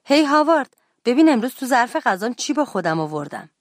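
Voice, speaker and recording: A woman's voice: a little high, very animated, no echo, clean studio sound. A woman voicing a restless, lonely schoolboy who keeps getting into trouble, in a children's storybook reading. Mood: excited. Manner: loud, eager and plaintive.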